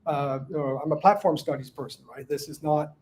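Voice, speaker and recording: A man from Denmark, an author answering audience questions in casual academic talk, halting with many restarts and fillers. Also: fairly high pitch, a little mellow.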